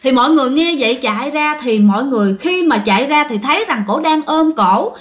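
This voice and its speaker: A woman's voice: sits high, animated, fairly quick. A woman telling a ghost story in a chatty way, addressing her listeners directly.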